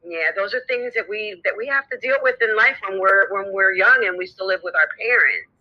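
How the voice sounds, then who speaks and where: A woman's voice: medium pitch, fairly quick. A middle-aged woman from New Jersey, a guest telling her story candidly in a rambling, casual way with many fillers. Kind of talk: casual interview chat. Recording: dull lo-fi recording.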